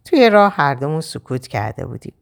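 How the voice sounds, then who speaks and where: A woman narrating a dramatic story in first person, her voice low for a woman and gravelly. Her delivery is lively, with wide pitch swings.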